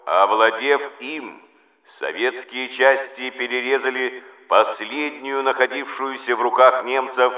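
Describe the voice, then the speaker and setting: Booming solemn state radio announcer, man, roomy sound. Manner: booming, solemn, declamatory state announcer delivery with weighty pauses. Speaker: wartime radio announcer reading a military bulletin. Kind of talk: 1940s Soviet state radio news bulletin, formal scripted reading. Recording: dull roomy vintage radio recording.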